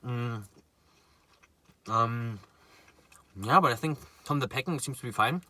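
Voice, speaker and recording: A man chatting casually to viewers while he eats, pausing and murmuring between remarks. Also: medium pitch, bright, forceful tone. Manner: talks while eating, with murmured mms and pauses. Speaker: mukbang vlogger. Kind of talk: casual eating chat to viewers.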